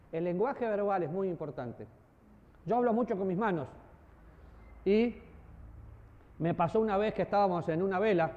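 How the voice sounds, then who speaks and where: In a church hall, a high-voiced preacher and teacher delivers a teaching talk with plenty of animation, acting out voices and gestures and trading jokes with the audience. Long hall reverb colors the dull-sounding recording.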